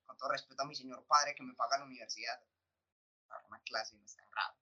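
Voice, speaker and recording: A man's voice: medium pitch, fast, muffled recording. A young man with a Colombian accent, a podcast co-host telling anecdotes in casual chat and swearing freely. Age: young adult. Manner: lively storyteller, swears casually.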